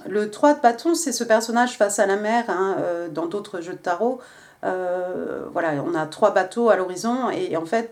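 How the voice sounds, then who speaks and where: A woman's voice: medium pitch, a little mellow. A woman giving a casual tarot reading, talking with many hesitations and restarts. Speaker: tarot reader.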